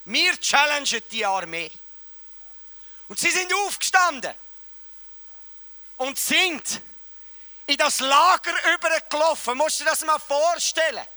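A male preacher, retelling a story dramatically, swinging between loud and hushed. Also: very high-pitched, unhurried, pauses often. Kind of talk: sermon storytelling.

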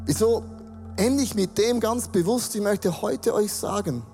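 Earnest preacher with soft music. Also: mid-range voice, unhurried, long reverb tail. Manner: earnest, preaching, acts out prayers and dialogue. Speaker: pastor. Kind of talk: sermon. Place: church stage.

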